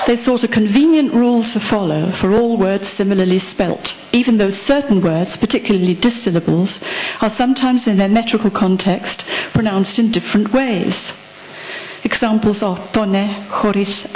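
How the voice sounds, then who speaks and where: A woman's voice: mid-range voice, darkish tone, a little hiss or hum, rough recording. A woman presenting an academic paper at a conference, reading precise prepared text and then speaking off the cuff with some fillers. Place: conference hall.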